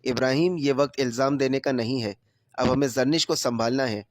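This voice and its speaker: A man's voice: medium pitch, no room sound, close to an everyday voice. A man voicing a worried middle-aged mother who speaks firmly but with care, in a storybook reading. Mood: concerned. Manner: firm but caring.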